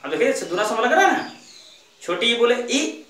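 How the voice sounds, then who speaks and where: Male teacher, high animated voice, quizzes and repeats patiently; roomy echo, distant mic. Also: normal speed. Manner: patient, repeats questions and answers them himself. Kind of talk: classroom grammar lesson.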